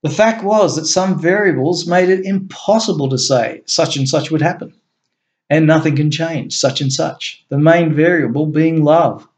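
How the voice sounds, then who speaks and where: A man reading his fiction aloud as storyteller in a measured way, with the odd slip and self-correction. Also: fairly high pitch, darkish tone. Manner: measured reading with small slips. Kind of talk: read-aloud fiction narration.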